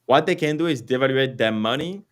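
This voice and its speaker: A man's voice: medium pitch, brisk. A man with a French accent hosting a casual crypto livestream, rambling with lots of fillers, swearing and laughing.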